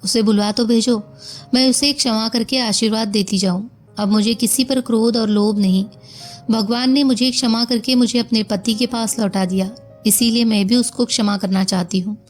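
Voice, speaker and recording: A dying young wife speaks soft and weary, forgiving everyone around her, as a woman reads her lines. Her voice sits a touch high. The faint music of a storybook reading plays underneath. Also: fairly even intonation, moderate pace, lightly acted. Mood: weary, resigned.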